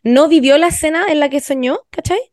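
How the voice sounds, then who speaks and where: A young adult woman with a Chilean accent hosting a podcast, telling stories in animated slangy casual chat with plenty of swearing. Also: sits high, brisk, no room sound, clean studio sound. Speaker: podcast host.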